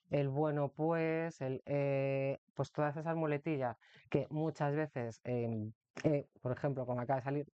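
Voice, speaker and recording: A man's voice: medium pitch, darkish tone, no room sound. Man, instructor, rhetorical "¿no?" habit, dry lo-fi sound. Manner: explanatory, uses rhetorical ¿no? often. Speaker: course instructor for teacher exam candidates. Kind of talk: recorded online lesson. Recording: dry, dull lo-fi recording.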